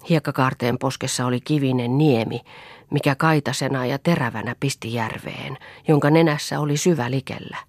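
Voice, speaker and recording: A woman reading an audiobook as a calm storyteller, in scripted narration. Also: extremely low pitch, no room sound, clean studio sound. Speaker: audiobook reader.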